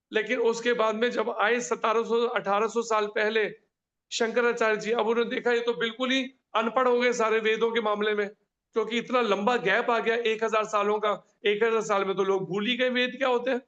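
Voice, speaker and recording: A high-voiced man leads a scripture class on a video call, working through each question with everyday examples and short anecdotes. His voice comes through muffled, dull online call audio. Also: a bit bright. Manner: explains with examples and small stories. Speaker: spiritual teacher.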